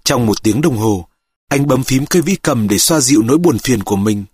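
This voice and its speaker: A man reads a story aloud in slow, measured narration. His voice sits in a middle pitch. The sound is dry and close to the mic. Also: lively intonation, darkish tone, husky, dry recording. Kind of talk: audiobook reading.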